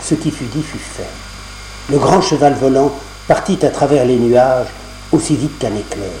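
A man's voice: medium pitch, normal speed, warm tone. Man reading a fairy tale aloud. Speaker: storyteller. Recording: roomy cassette recording, faint hum.

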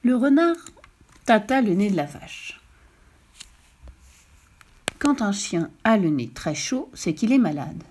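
A woman reading a bedtime story aloud, her voice lively and full of movement as she goes. She tells it gently and expressively, as a storyteller for children. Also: medium pitch, slow, long pauses, slight background noise.

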